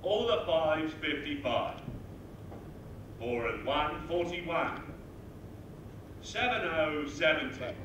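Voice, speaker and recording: Echoey, slow bingo caller man. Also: fairly high pitch, expressive. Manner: measured sing-song announcing in set phrases. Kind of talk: bingo calling, numbers read out digit by digit. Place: large bingo hall, over a microphone. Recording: echoey hall PA, distant and noisy.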